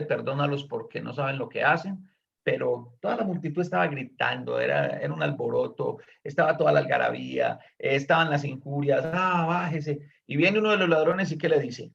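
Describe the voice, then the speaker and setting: A man's voice: on the high side, gravelly. A man teaching a Bible study, explaining earnestly and stepping in to correct a student, on a dull lo-fi recording.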